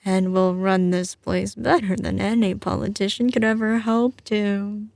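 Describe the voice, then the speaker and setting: In an intimate ASMR roleplay, a woman voices a doting, confident mafia heiress girlfriend, tender and assured, often whispering, with a slight Southern US drawl. Her mid-range voice is gravelly and darkish, fairly even in intonation and a little slow, recorded without echo, and she sounds determined.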